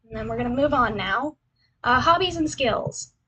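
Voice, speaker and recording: High, husky young woman, cute anime streamer. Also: expressive, moderate pace, bright, forceful tone, low-quality recording. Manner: rambling, repeats phrases. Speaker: VTuber streamer introducing themselves. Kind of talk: casual livestream chat over a slideshow.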